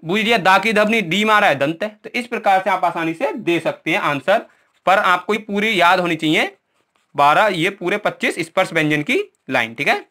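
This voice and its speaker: A male Hindi teacher in an exam-prep lesson, with a high, bright, ringing voice. He quizzes the class and answers his own questions, checking in after each point. He walks through memory tricks while pointing at what he has written. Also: normal speed. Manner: repeats "ठीक है" often, asks questions and answers them himself.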